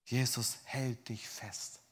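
A man preaching a sermon, addressing listeners directly and swinging from loud dramatic bursts to hushed, near-whispered lines. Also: mid-range voice, level tone, takes it slowly, breathy edge.

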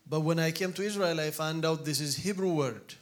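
At a church, a guest speaker from Ethiopia in his forties shares his testimony in English. He talks in short, halting phrases broken by pauses, often repeating a word as he searches for the next. His voice is a little higher than most men's.

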